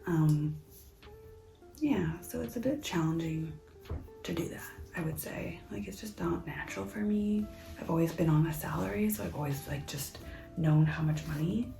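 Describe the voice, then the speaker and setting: Softly half-whispering woman, gravelly tone. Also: lowish voice, reverberant, poor audio. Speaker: crafting vlogger. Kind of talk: casual chat. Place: home, indoors.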